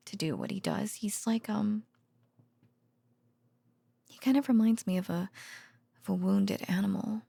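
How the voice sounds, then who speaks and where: A woman plays a tender, exhausted researcher girlfriend in an intimate bedtime audio roleplay, speaking haltingly and slipping into whispers. Her medium-pitched voice is gravelly, dark and slightly rough, with no room sound.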